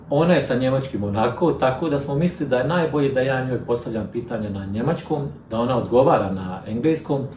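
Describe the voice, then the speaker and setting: A man's voice: medium pitch, a little mellow, roomy sound, a little hiss or hum. A male host formally welcoming viewers and introducing his guest. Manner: polite, welcoming. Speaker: show host.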